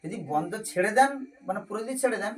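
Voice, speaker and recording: A man's voice: high-pitched, expressive, racing. A man teaching a visitor how to chant on prayer beads, alternating patient step-by-step instructions with sung mantras. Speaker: temple devotee teaching chanting. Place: temple hall with people around. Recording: distant echoey mic in busy hall.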